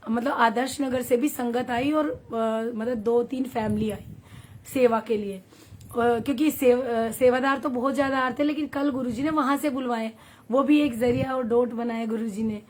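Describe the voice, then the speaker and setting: Woman from Haryana, satsang leader, chatty and laughing, slightly high voice, faint background noise. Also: fairly even intonation, moderate pace. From Haryana, India. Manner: chatty, warm, laughs often, reads viewer comments aloud. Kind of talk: devotional storytelling and live chat.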